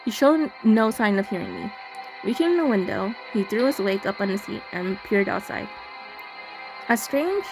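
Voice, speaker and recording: A woman hosts a game playthrough, reading the narration aloud and tossing in casual commentary. Her medium-pitched voice comes through a rough recording, laid over loud game music.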